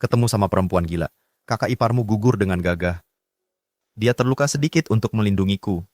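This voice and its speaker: A man dubbing a cold ex-husband who is curt with his ex-wife and gently teasing with his new lover. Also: fairly low pitch, fast, no room sound, studio quality, close to an everyday voice. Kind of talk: Indonesian drama dub.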